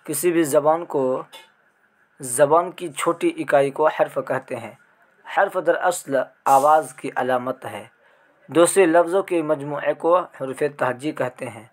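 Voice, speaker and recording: A male teacher with an Indian Urdu accent gives an exam prep grammar lesson, explaining step by step and reciting letters one at a time. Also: a little high.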